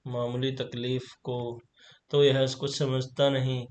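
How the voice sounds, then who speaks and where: A talkative older neighbour chatters on and reassures the family, read out by a man. His voice moves through a narrow, even range. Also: mid-range voice, slow, a little hiss or hum, close to an everyday voice.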